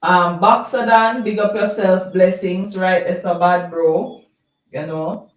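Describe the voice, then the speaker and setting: A Jamaican host chatting casually on a live stream, reading viewer comments and drifting between topics, often repeating words. The voice sits at a middling pitch. It sounds roomy and a little distant, as if the speaker is sitting back from the mic. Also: steady tone, slow.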